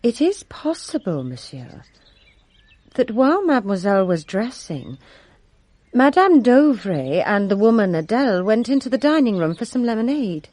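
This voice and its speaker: In a clip with no room sound, a woman with a fairly high, darkish voice and big pitch swings speaks at normal speed. She plays a servant in a radio drama giving careful testimony, formal, deferential and precise, composed yet resentful of a rival.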